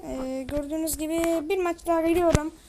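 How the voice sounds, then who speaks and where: A woman giving casual gameplay commentary in an excitable, slangy way, loudly scolding her teammates. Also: extremely high pitch, a little fast, noisy background. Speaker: gamer streaming their own play.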